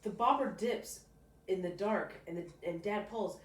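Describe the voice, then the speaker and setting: A woman with a mid-range voice reads a children's picture book a little slowly and with plenty of expression. She stops occasionally to add casual comments, and the distant mic picks up a roomy sound and faint background noise.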